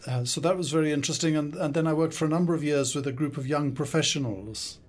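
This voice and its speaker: An older consultant and coach, born in South Africa and raised in the UK, answers podcast interview questions in a studio with an English accent. His pitch is fairly high, and he responds thoughtfully and measuredly with frequent hesitations.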